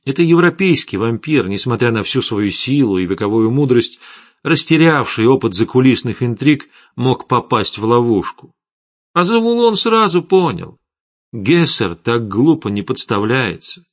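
A man narrating a fantasy novel in a measured, expressive way. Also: mid-range voice. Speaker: audiobook narrator. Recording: slightly dull lo-fi audio, faint music.

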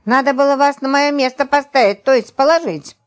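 A woman reading an audiobook voices a plump, indignant housewife who scolds in shrill outbursts. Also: fairly quick, lightly acted.

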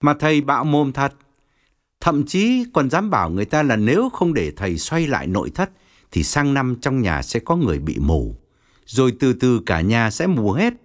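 A man narrating an audiobook story, expressive and wry. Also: mid-range voice, moderate pace.

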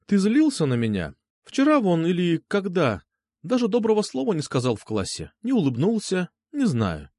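A man's voice: high voice, normal speed, no room sound, clean studio sound, voice pushed up, exaggerated voice. Man voicing a playful teasing young woman. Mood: earnest. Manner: teasing, lively. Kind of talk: audiobook character voice.

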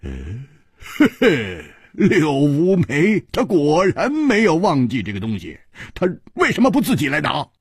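A man voicing a hot-tempered, stammering male swordsman who shouts in high bursts. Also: wildly swooping pitch, brisk, slightly rough, dry recording, studio quality, exaggerated voice. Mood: hot, blustering.

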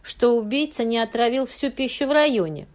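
A worried wife who cries out in alarm, voiced by a woman reader. The voice is pitched high above her own narrating voice and delivered loudly. It is audiobook character acting. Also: expressive, brisk, natural voice. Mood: anxious. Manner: anxious, calling out.

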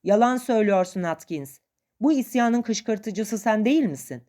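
A woman's voice: mid-range voice, lively intonation, normal speed, mellow, pitched above the performer's own voice, close to an everyday voice. A woman voicing a stern ship captain who gives orders to mutineers.

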